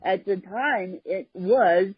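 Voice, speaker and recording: A female podcast host chats casually in a husky, medium-pitched voice, talking very slowly. Her speech is halting, full of frequent pauses filled with "um." The recording is dry with no echo and sounds a bit dull.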